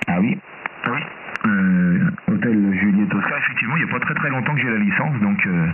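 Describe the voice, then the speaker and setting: A lowish-voiced Frenchman from France, an amateur radio operator, speaks a little fast in a casual ham radio chat, spelling out call signs. The recording is noisy, narrow-band, distant shortwave, full of static and clicks.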